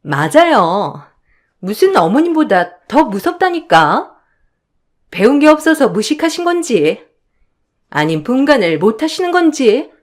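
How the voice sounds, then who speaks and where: A woman's voice: on the high side, sing-song, measured pace. A haughty young sister-in-law who sneers and hurls insults with a mocking lilt, as a woman storyteller puts her on. She sounds smug and condescending throughout. A spoken storybook voice. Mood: sneering.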